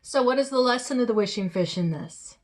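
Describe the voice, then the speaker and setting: A woman's voice: fairly high pitch, lively intonation, fairly quick. A woman giving a spoken tarot reading with firm, direct advice. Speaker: tarot reader.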